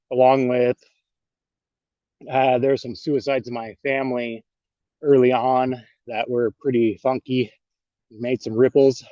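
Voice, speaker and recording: A man's voice: medium pitch, no echo. Winded man on a dull video call. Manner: rambling, with many fillers. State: out of breath. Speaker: workshop participant, yoga instructor. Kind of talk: casual self-introduction on a video call.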